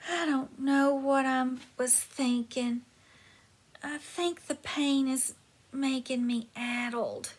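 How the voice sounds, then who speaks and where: A woman doing an ailing old elephant in a hoarse whisper. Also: high-pitched, fairly even intonation, takes it slowly. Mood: weak, pained. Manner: soft, breathy, hoarse half-whisper. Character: old, ailing female elephant, gentle and weak.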